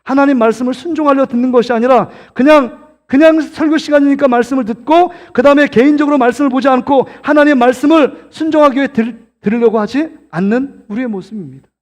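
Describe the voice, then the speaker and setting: A man's voice: very high-pitched, fast. A middle-aged man, a senior pastor, preaching a sermon, earnestly exhorting his congregation with direct questions. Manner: acts out quoted dialogue in a lively voice. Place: church sanctuary. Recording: long hall reverb of a church.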